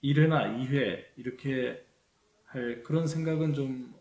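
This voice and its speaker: A man hosting an interview, asking polite, measured questions and giving short acknowledgements. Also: medium pitch, steady tone, a little mellow. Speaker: interview host. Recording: roomy studio echo.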